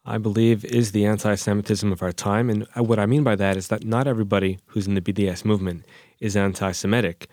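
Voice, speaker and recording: A man speaking as a rabbi and interview guest, deliberate and emphatic, building unscripted points through repetition. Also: lowish voice, level tone, darkish tone, no echo. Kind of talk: unscripted discussion.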